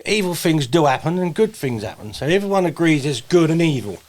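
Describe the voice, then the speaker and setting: A man's voice: fairly high pitch, very animated, brisk, a little mellow. A man with a southeast English accent hosting an interview, talking earnestly and emphatically and calling his guest "bruv". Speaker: host. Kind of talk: supportive interview chat.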